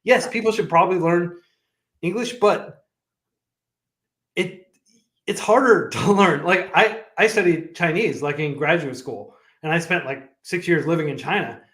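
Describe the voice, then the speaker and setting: Fairly high, a bit bright and measured in pace, this man's voice belongs to a coding nonprofit founder appearing on a livestream. He chats casually, laughing often and stumbling into fillers and restarts. The recording sounds echoey.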